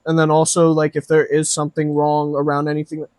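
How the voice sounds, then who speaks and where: A man's voice: on the high side, monotone, fairly quick, darkish tone, clear, resonant tone, no echo. A man hosting a casual podcast, rambling through ideas and swearing freely as he talks with friends. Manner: rambling, swears freely, says bro a lot. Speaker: podcast host.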